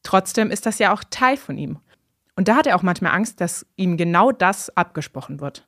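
A woman hosting a podcast, reading scripted narration in a calm, even way. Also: fairly low pitch, moderate pace, no room sound, clean studio sound. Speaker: podcast host.

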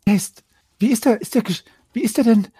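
A man's voice: high-pitched, fairly quick, warm tone, husky, dry recording, pitched above the performer's own voice. A man voicing a flustered, shocked woman in a fantasy tabletop game, stammering like a hammy stage actor.

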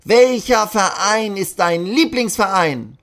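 A man voicing a cheerful male puppet jester who quizzes children in a children's audio story, in a high, loud, sing-song way. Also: slow pace. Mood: cheery, questioning.

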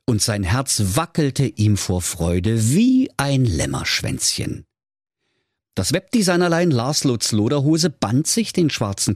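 A man's voice: lowish voice, darkish tone, husky, no room sound, clean studio sound. A man narrating a comic fairy tale in a playful storytelling manner.

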